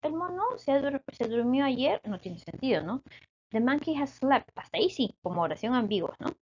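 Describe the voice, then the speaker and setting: A woman teaches a grammar lesson in a fairly high voice, explaining patiently and pausing to make sure her students follow. The recording is dull and lo-fi. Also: expressive, darkish tone, husky. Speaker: English teacher.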